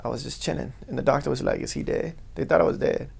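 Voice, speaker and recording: A man with a laid-back stoner drawl and a gravelly, husky voice, chatting casually and deadpan as a guest. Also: mid-range voice, racing. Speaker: podcast guest.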